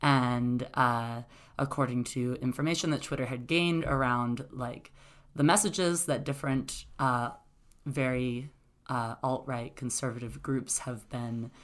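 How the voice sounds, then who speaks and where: A woman's voice: a bass voice, fairly even intonation, unhurried. A woman in casual debate, laying out events step by step with frequent "uh" and "um.". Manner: explanatory, methodical, many "uh" and "um" fillers.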